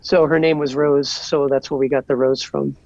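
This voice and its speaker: A man's voice: mid-range voice, flat delivery, moderate pace, gravelly, a little mellow, no echo, muffled recording. A man in his forties from Southern California, a guest chatting casually and rambling easily with lots of "like". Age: 40s. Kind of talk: casual podcast chat.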